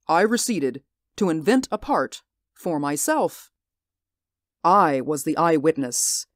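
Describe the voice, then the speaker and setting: In a 1940s-style radio drama, a male actor with a fairly high voice plays the villain, a bitter and vengeful middle-aged stage actor. He gloats theatrically, then sinks into quiet menace. The recording is studio quality with no room sound.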